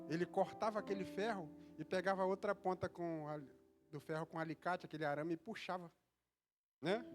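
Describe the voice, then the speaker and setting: Fervent high-voiced male preacher over music. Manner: conversational storytelling, rising to fervent preaching. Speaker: pastor. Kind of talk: sermon.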